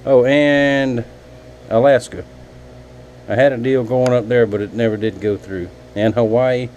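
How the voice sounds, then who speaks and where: A man's voice: medium pitch, fairly even intonation, unhurried, darkish tone, slight background noise, rough recording. A man, a knifemaker chatting casually and folksily to his viewers from his home workshop. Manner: rambling, folksy, talks to viewers as y'all. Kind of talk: casual vlog chat.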